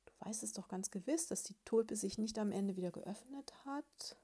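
A woman's voice: medium pitch, moderate pace, warm tone, husky, natural voice. A woman voicing a fussy, nagging female beetle who keeps asking her husband questions.

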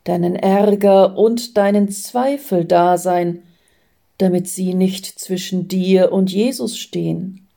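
A woman voicing a calm, patient female guide who gently instructs a doubting man. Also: lowish voice, slow, gravelly. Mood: gentle.

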